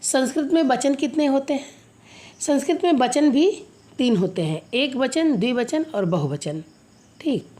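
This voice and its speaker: A woman's voice: sits high, lively intonation, unhurried, mellow. A woman teacher explaining a grammar lesson, asking questions and answering them herself, then reciting verb forms for students to repeat.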